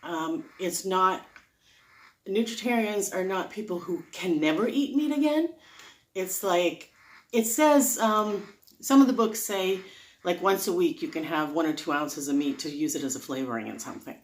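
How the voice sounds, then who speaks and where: A woman's voice: fairly low pitch, moderate pace. A woman talking casually and off the cuff, rambling into tangents as she earnestly and emphatically explains her advice. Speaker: vlogger sharing diet advice. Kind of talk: casual unscripted explanatory monologue.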